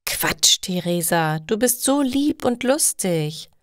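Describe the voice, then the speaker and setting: A woman's voice: lowish voice, expressive, takes it slowly, no room sound, clean studio sound. A woman voicing a caring young woman who consoles her heartbroken friend in a frank, reassuring way. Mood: comforting.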